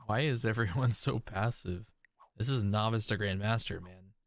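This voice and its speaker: A man streaming a strategy game, commenting live, excitable and laughing often, breaking into disbelieving exclamations. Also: lowish voice, moderate pace, no echo. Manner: laughs often while talking.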